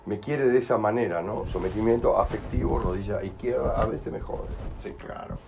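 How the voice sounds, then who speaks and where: A man with a Rioplatense Spanish accent leads a group, explaining in an animated way, acting out quoted voices and often checking that listeners follow. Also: fairly low pitch, moderate pace, gravelly, very noisy. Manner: animated, acts out quoted voices, keeps asking "¿entendés?". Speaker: group workshop leader.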